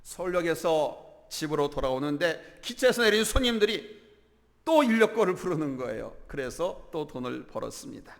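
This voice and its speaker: Lively gravelly Korean pastor preaching. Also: male voice, on the high side. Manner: animated storytelling, voicing characters in the tale. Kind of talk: sermon. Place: church sanctuary. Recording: echoey church hall.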